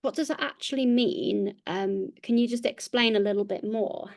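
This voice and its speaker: A woman's voice: on the high side, normal speed, vocal fry, darkish tone. A woman talking on a podcast in a reflective, chatty way, often restarting her phrases as she thinks aloud. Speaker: podcast guest and interviewer. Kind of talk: podcast interview conversation.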